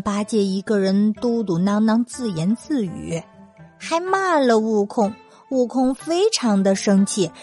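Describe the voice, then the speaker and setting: A woman narrating a classic story for children in a gentle, sing-song manner. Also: a little high. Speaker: storyteller host.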